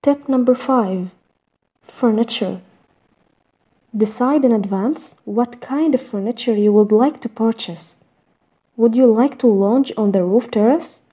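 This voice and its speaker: A woman reading a scripted voice-over in a measured, even list-reading way, narrating step-by-step tips. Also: a little high, breathy edge. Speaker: narrator of a garden design slideshow.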